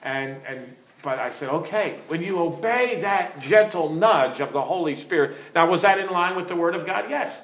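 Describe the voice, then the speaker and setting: A middle-aged pastor teaching earnestly from the pulpit, weaving in stories and turning to his listeners with questions. His voice sits a little high for a man, and it rings around an echoey room. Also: animated, moderate pace, few pauses, a bit bright. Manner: earnest, storytelling, asks the audience questions.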